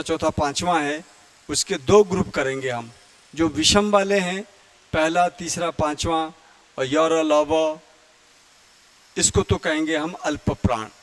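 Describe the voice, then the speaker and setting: A man teaching Hindi grammar in a lecture, who often clears his throat and sings out vowels to show how they sound. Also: a little high, fairly bright tone. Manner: explains slowly, chants vowels and Sanskrit verse to demonstrate. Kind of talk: classroom lecture.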